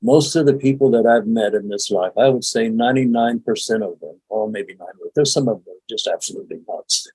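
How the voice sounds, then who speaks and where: An older man, a meditation teacher, giving a relaxed, folksy spoken lesson with frequent chuckles. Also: medium pitch, breathy edge, dry recording, rough recording. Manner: chuckling, folksy, demonstrates laughing exercises.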